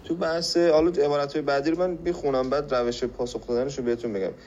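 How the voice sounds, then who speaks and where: A man from Iran teaching a spoken language lesson on a podcast. He explains patiently, repeats phrases slowly and asks rhetorical questions. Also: fairly high pitch, steady tone, darkish tone, lo-fi sound, a little hiss or hum.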